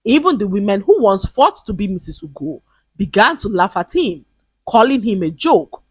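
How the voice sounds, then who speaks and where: A woman narrating a moral folktale in a lively, expressive way. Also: mid-range voice, moderate pace, breathy edge, no echo. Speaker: storyteller.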